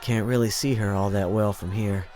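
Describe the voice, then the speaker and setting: A man's voice: fairly low pitch, steady tone, normal speed, darkish tone, slight background noise, close to an everyday voice. A man voicing a curt, impatient young woman spotting a target, in an audiobook reading.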